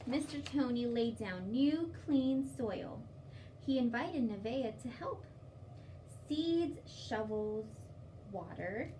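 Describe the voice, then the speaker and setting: A woman reads aloud at a library storytime, giving young children simple, instructive explanations. Her fairly high, warm voice has lively intonation and a slow pace, and the distant microphone picks up faint background noise.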